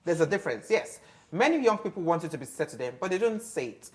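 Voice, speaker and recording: A woman's voice: on the low side, sing-song, fast, a little mellow. A woman giving firm opinions on a TV talk panel and often acting out what other people say. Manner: opinionated, emphatic, acts out quoted speech. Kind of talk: studio discussion.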